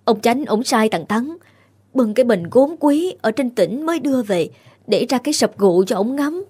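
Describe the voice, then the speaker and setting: A woman voicing a frightened, kind-hearted young female cook who speaks in a shaky, hushed voice. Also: on the high side, lively intonation, moderate pace, slightly rough. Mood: urgent hushed. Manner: trembling, hushed.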